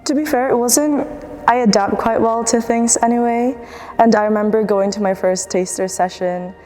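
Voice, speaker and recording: A woman's voice: fairly high pitch, steady tone, normal speed, dark tone, soft background music. A young woman student athlete from the Philippines, speaking in a casual, reflective documentary interview with fillers and restarts. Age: young adult.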